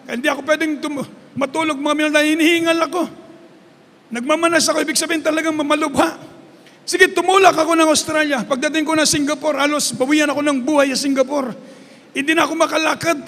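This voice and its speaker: A male Filipino preacher delivers a sermon in a very high, bright voice, switching freely between Tagalog and English. He returns again and again to the same fond address to his listeners. The voice carries a long reverb from a large church hall.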